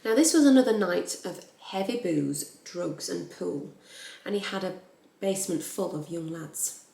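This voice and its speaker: A woman telling a true crime story in a blunt, animated, casual way, swearing freely. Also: on the low side, a little slow, vocal fry, slight background noise. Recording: roomy echo.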